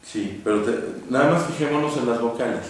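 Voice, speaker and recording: A man's voice: medium pitch, brisk, far from the mic. A man teaching a poetry class, patiently explaining and spelling out vowel sounds. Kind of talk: classroom lecture. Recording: echoey room, recorded from afar.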